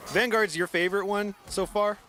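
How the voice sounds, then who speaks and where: A man playing a game with a friend on a live stream, excitable and often exclaiming. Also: high-pitched, moderate pace. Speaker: co-player guest. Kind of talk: casual gaming chat. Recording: game music behind.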